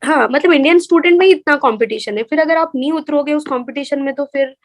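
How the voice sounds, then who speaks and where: A young woman from India, a medical resident and interview guest, telling her stories in a lively, anecdotal way. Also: high-pitched, fast talker. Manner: lively anecdotal storyteller, acts out others' lines. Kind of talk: casual interview storytelling.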